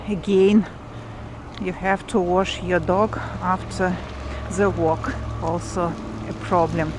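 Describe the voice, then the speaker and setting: A woman with a Russian accent chatting casually for a walk-and-talk vlog, explaining things haltingly as she searches for English words. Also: medium pitch. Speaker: vlogger. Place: outdoors, walking through a provincial town. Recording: clearly noisy outdoor street ambience, vehicles. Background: urban outdoor noise and vehicles.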